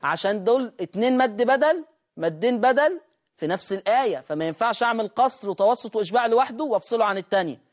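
An Egyptian man teaches Quran recitation in a room with a board. He keeps asking himself questions and answering them, and he slows way down to draw out each demonstrated sound. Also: high-pitched, expressive. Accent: Egyptian Arabic. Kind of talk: recitation lesson.

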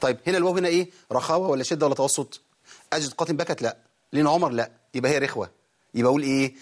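A man with an Egyptian accent teaches recitation on a live call-in lesson. He talks rapidly in a somewhat high voice. He stops to stretch single words out slowly as examples. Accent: Egyptian Arabic. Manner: explains fast, then recites words slowly to demonstrate.

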